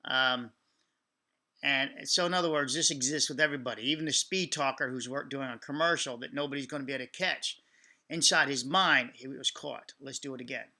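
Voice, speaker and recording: A man hosting a reaction video, giving off-the-cuff explanatory commentary with halting, repetitive phrasing. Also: medium pitch, bright, forceful tone.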